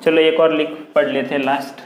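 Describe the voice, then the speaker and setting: Male teacher, slightly high voice, dictates word by word; faint hum behind. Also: flat delivery. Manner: slow and deliberate, reading English sentences word by word. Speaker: English teacher. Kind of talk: classroom grammar lesson. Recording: echoey room, faint background hum.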